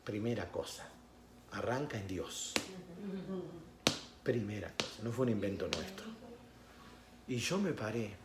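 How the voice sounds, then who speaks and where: A male pastor preaching a sermon, telling a story that swings between hushed and loud. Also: on the low side, animated, measured pace, pauses often, echoey room, very noisy. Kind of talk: sermon with personal testimony.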